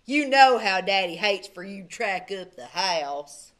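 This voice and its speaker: A woman's voice: medium pitch, animated, a little slow, fairly bright tone, voice pushed down. A woman voicing a mean young cowboy who mocks his stepbrother in a storybook. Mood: mocking.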